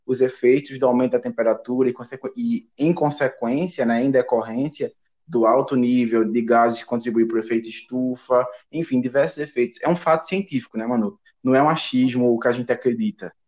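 A man's voice: medium pitch, steady tone, a little fast, a little mellow. A man with a Brazilian Portuguese accent, a teacher hosting an educational podcast, explaining in a teacherly way and often ending with tag questions.

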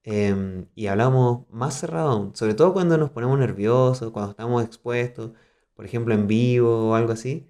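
A man with a Chilean accent, a musician guest on a podcast, speaking in a thoughtful, measured way with dry humor. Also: mid-range voice, dark tone. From southern Chile. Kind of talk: casual interview.

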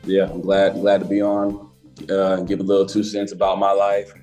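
A young man from Alabama, a college basketball player chatting as a podcast guest in a relaxed, rambling way. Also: low-pitched, moderate pace, faint music behind. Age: young adult. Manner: relaxed, rambling, many restarts. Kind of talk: casual interview chat.

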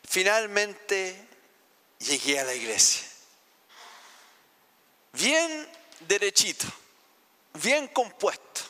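A Chilean pastor preaching a heartfelt sermon, asking the congregation questions. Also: male voice, a little high, pushed and bright, big-room sound. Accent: Chilean Spanish. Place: church sanctuary.

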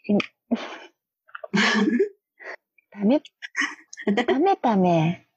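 A woman co-hosts a casual chat with a friend at an extremely slow pace, giggling often and playfully sounding out made-up syllables. Her mid-range voice is very animated, warm, and edged with breathiness. There's no echo, and the recording is dull, dry, and lo-fi.

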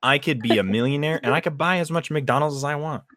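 A man's voice: fairly high pitch, quick pace, over a noisy crowd. A young man in casual banter with friends, teasing and rambling through his thoughts. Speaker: friend in a group chat.

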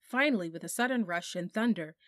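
Female storybook narrator, measured and softly expressive, dry close mic. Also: fairly low pitch, dry recording. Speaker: audiobook narrator.

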